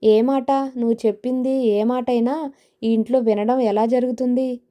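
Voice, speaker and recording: A woman's voice: on the high side, fairly even intonation, moderate pace, warm tone, close to an everyday voice. A woman voicing a teasing, good-humoured middle-aged father with a wry, joking manner.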